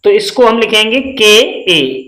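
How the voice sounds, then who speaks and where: Slow, deliberate male teacher in an echoey room. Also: sits high, animated, pushed and bright. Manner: deliberate, spells letters out one by one and asks the class quick questions. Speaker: English teacher. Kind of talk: step-by-step spelling lesson.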